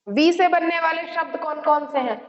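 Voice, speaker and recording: A woman's voice: sits high, moderate pace. A woman teaching a Hindi exam-prep lesson who mixes in English phrases, keeps asking "right?" and "theek hai", and gives students direct advice. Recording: echoey, dull lo-fi room sound.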